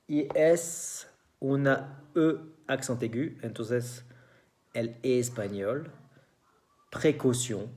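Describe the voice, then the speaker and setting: Slow, careful teacher. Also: mid-range voice, warm tone. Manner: slow and careful, repeats each example word. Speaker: French teacher. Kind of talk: beginner language lesson.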